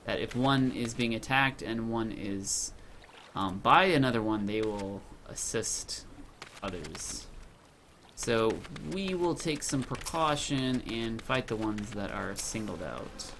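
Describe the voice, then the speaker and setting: A man's voice: lowish voice, expressive, takes it slowly, background noise. Chatty man playing a video game. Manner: chatty, thinking aloud. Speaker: let's play host. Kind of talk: casual game commentary.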